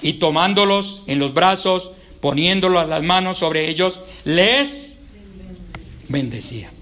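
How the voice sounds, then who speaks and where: Male preacher, high bright voice, emphatic and chatty from the pulpit. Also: animated, takes it slowly. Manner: emphatic, conversational preaching with humor. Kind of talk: sermon. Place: church.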